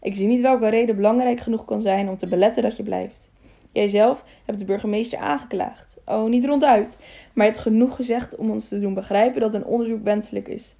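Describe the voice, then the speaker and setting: A woman's voice: fairly high pitch, steady tone, fairly quick, vocal fry, warm tone. A woman reading the part of a stern, honest older male councillor who speaks firmly and with authority. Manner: firm, commanding.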